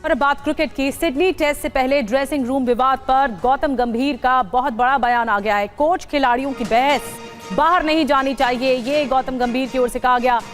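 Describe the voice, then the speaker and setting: High-voiced woman anchoring the news. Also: moderate pace. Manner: crisp, formal reading. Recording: faint music behind.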